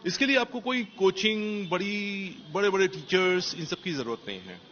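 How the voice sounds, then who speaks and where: A man's voice: sits high, animated, moderate pace, a bit bright, dull audio, slight background noise. A man, a police officer, answering interview questions in an emphatic motivational way and repeating key phrases for stress.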